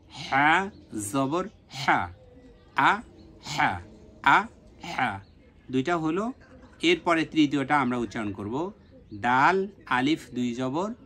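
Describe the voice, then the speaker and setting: A man teaching Quran pronunciation in Bengali, slowly sounding out letters and syllables and repeating them for learners to copy. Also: fairly high pitch, a bit bright. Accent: Bangladeshi Bengali. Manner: drawn-out letter drilling with repetitions. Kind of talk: slow spelled-out pronunciation drill.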